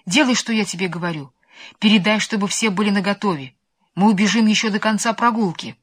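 A brave, eager onion boy from a children's storybook, rallying his fellow prisoners in urgent, hushed tones, as a woman reading aloud puts him on. His voice sits a little higher than hers. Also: brisk, husky, lightly acted.

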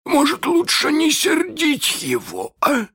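A man voicing a menacing pirate captain with an iron hook, by turns shouting and coaxing in a strained high voice. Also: wildly swooping pitch, slow pace, heavily acted. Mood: sly menace.

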